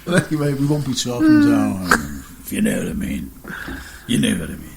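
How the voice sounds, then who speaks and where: A man's voice: mid-range voice, wildly swooping pitch, brisk, creaky, heavy background noise. A middle-aged man hosting a casual radio chat show, rambling and joking and laughing often.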